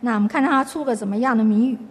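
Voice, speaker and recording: Racing along with a breathy edge, this woman's voice is a little high and carries a big-room sound. As a Bible study teacher, she gives a chatty, conversational lesson, retelling the story and often starting her sentences over.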